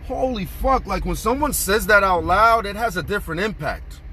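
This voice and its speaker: A man's voice: sits high, expressive, moderate pace, sharp tone, a little hiss or hum. A man in his thirties telling a story in a casual, profane, heated rant, recorded on a phone camera in a car. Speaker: vlogger.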